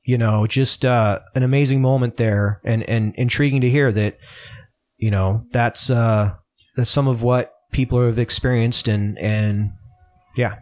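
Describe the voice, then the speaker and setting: A man's voice: mid-range voice, fairly even intonation, unhurried, darkish tone. Earnest rambling man, podcast guest. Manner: earnest, rambling, many false starts. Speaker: political candidate guest. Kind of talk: casual podcast conversation. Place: home room with open window.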